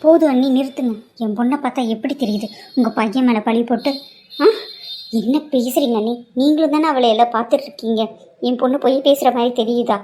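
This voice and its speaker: A woman's voice: fairly high pitch, fast talker, lightly acted. A woman voicing a middle-aged mother who angrily defends her daughter. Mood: angry. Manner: forceful, accusing.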